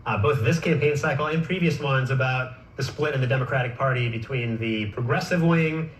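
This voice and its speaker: A man hosting a political news program, asking questions in a brisk, conversational way. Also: medium pitch, echoey room, slight background noise, rough recording. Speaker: TV news host.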